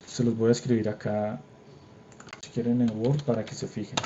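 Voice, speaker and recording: A man's voice: fairly low pitch, level tone, normal speed, warm tone, a little hiss or hum. Young colombian guy teaching an online class, patient, keeps checking on his students, slightly muffled video call audio. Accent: Colombian Spanish. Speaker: engineering drawing lecturer. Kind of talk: online class lecture with screen demo. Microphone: computer mic on a video call.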